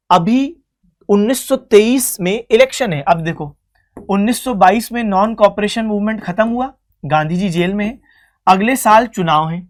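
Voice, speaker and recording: An exam-prep history teacher giving an online coaching lecture, asking quiz questions, explaining them like a story and calling the students "beta" while mixing in English terms. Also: medium pitch.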